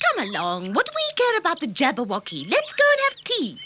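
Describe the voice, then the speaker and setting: A woman's voice: high voice, wildly swooping pitch, fairly quick, bright, forceful tone, a little hiss or hum, exaggerated voice. A woman voicing a courteous, prim queen in a cartoon dub. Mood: genteel. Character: genteel fussy female queen.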